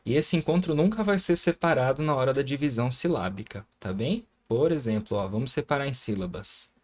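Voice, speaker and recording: A man's voice: medium pitch, animated, fairly quick, a little mellow. A man with a Brazilian Portuguese accent teaching a recorded grammar lesson, patiently sounding out syllables and often checking in with the viewer.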